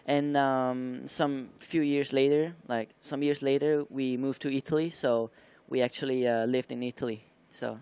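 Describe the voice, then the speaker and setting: A young man who grew up in Taiwan, answering studio interview questions as a motocross rider, halting and searching for words with many fillers. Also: mid-range voice, fairly even intonation, darkish tone, clean tone, no echo. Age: young adult.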